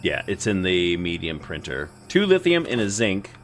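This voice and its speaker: Male let's-play host, casual running commentary, animated pitch, talks to himself. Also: normal speed, slight background noise. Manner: chatty, talks to himself while playing. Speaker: gaming video host.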